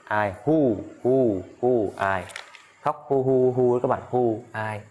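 A Vietnamese-speaking man teaching an English lesson in a casual spoken style, repeating phrases slowly and often turning to his listeners. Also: mid-range voice, narrow, tinny audio, a little hiss or hum.

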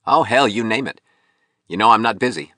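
A man's voice: on the low side, animated, brisk, a bit bright, dry recording, clean studio sound, pitched above the performer's own voice. A man voicing a bitter, drunk young male sculptor in an audiobook, with a hard, impatient, belligerent voice. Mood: impatient, sarcastic. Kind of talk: audiobook reading.

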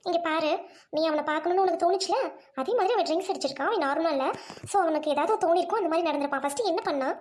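A brash young college girl, put on by a woman who scolds and waves things off. She speaks in a bossy, deeper voice than the performer's own. It is an audio drama scene. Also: very fast, a little mellow, a little hiss or hum. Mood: soothing. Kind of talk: Tamil audio drama acting.

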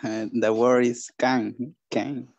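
A man's voice: mid-range voice, level tone, very slow, darkish tone. A man taking part as a student on a video call, hesitantly reading and repeating words for his teacher.

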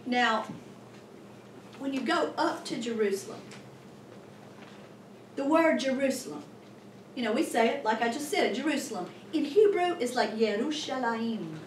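High-voiced woman preaching in an echoey church. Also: normal speed, long pauses, a little hiss or hum. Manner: animated, emphatic preaching with sudden loud bursts. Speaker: pastor. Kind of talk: sermon. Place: church sanctuary. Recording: echoey room from a distant mic.

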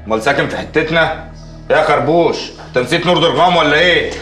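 Actor as a curt Egyptian police officer. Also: male voice, fairly high pitch, fast, a bit bright, reverberant, faint music behind, natural voice. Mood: stern. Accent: Egyptian Arabic. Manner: curt and commanding. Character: blunt police officer questioning locals.

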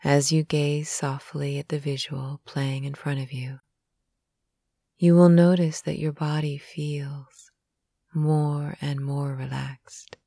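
Woman, low voice, slow soothing hypnosis guide, mellow tone, dry close sound. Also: steady tone, creaky, husky, dry recording. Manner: slow, soothing, soft, with some whispered phrases. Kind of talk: guided sleep hypnosis narration.

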